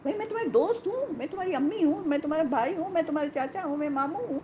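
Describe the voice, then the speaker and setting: A woman's voice: expressive, mellow, lo-fi sound, a little hiss or hum. A woman putting on a frantic pleading soul. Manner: frantic high-pitched pleading. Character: desperate pleading hypocrite begging for light. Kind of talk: religious lesson with acted quotes.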